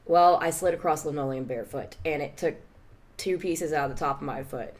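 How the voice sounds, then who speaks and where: Animated young woman with a strained voice. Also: sits low, fairly quick. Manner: animated storyteller, acts out quoted lines. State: slightly strained voice from screaming. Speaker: podcast guest, haunt actor. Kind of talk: casual podcast chat.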